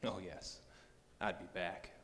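A man playing a wry, wary private detective on stage, narrating in a deadpan hardboiled style. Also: sits low, slow. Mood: determined narration. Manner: deadpan, dry. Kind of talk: noir stage narration and dialogue. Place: hall stage before an audience. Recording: echoey hall stage recording, clearly noisy.

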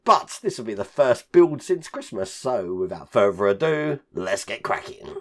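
Speaking at a normal speed, a fifties-aged model-building host with a hoarse, husky voice gives a casual hands-on build walkthrough. He is still croaky from being ill, and his deep, rough voice brings occasional coughs. His intonation climbs and dips animatedly as he chats, handling parts and explaining every step in his collectible-filled hobby room at home.

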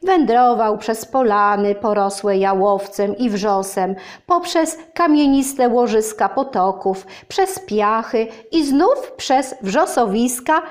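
A woman reads a classic children's storybook aloud, savouring each phrase. Her voice sits a little high, and her pace is very slow. The reading stays gentle and expressive throughout. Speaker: narrator.

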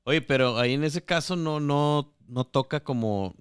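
A man with a Mexican accent hosting a casual interview, relaxed and full of slang. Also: mid-range voice, moderate pace, smooth, dry recording, clean studio sound. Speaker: podcast host.

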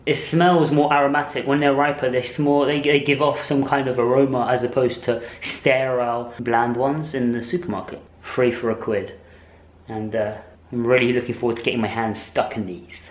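A man's voice: mid-range voice, flat delivery, moderate pace, reverberant, low-quality recording. A man in casual vlog chat, enthusiastic and chatty, laughing often as he shows his shopping. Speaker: vlogger.

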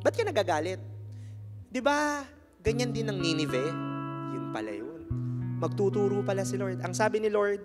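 Filipino man, pastor, animated sermon, high voice, long church reverb, guitar playing behind. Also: moderate pace, pauses often. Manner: animated Taglish preaching, acting out quotes. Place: church sanctuary.

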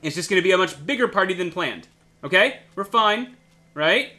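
A man's voice: high voice, animated, brisk, sharp tone. A man playing a video game, making sarcastic jokes to himself and swearing as he plays. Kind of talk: casual let's-play commentary.

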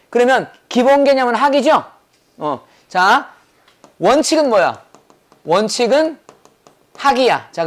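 A man teaching English grammar in a brisk lecture, drilling points over and over and firing rhetorical questions at his students. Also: high voice. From South Korea. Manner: quizzing with rapid rhetorical questions. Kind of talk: classroom lecture.

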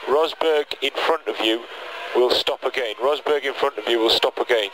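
Man, race engineer, race car team radio, calm repeated instructions, heavy engine noise. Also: mid-range voice. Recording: noisy radio link with loud engine noise.

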